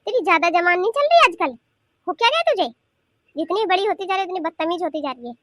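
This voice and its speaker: A woman voicing a bossy, sharp-tongued grandmother in a cartoon, nagging and scolding. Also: high voice, a little fast, a little hiss or hum. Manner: scolding, nagging rhetorical questions. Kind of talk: cartoon voice acting.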